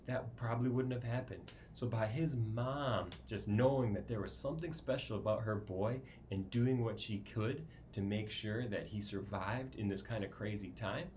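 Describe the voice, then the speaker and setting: A man's voice: lowish voice, darkish tone, a little hiss or hum. A man teaching a children's Bible lesson, explaining casually with frequent "right?" check-ins.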